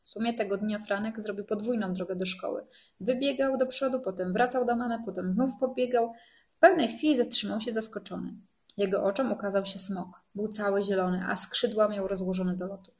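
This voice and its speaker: A woman reads a children's story aloud in a gentle, expressive storytelling voice. Her pitch sits in the middle range, and her delivery is clear and unhurried. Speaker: narrator.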